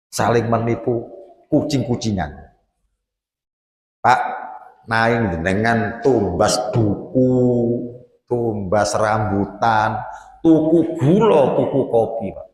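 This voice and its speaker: A middle-aged man with an East Javanese accent delivers a Sunday morning sermon, speaking slowly and deliberately. He moves between loud, urgent exhortation and hushed storytelling, addressing his listeners directly. His voice rings out in an echoey mosque hall with a long reverb tail. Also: mid-range voice. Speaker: preacher.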